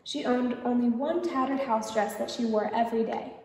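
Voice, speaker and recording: A woman's voice: on the high side, moderate pace. Woman reading a children's story. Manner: gentle, asks the children questions. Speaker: storytime reader. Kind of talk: reading a children's picture book aloud. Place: library event room. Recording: echoey hall, distant mic.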